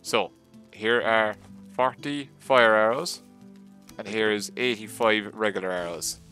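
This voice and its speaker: A man's voice: lowish voice, fairly even intonation, unhurried, sharp tone, soft background music. A man playing a game with friends, joking and swearing and mocking himself. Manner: jokey, swearing, self-mocking. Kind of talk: casual gameplay banter.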